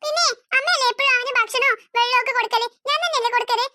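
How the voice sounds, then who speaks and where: A woman voicing a sharp-tongued cartoon grandmother with aching legs. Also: extremely high pitch, very fast, no echo, studio quality. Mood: scolding. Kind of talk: cartoon dubbing.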